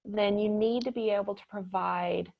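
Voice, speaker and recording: Woman presenter, gravelly edges, on a spotty video call with uneven, dropping volume. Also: medium pitch, normal speed, dull audio. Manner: steady explaining with filler "um"s. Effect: audio cutting in and out, uneven volume. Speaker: webinar speaker. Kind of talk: business talk on a video call.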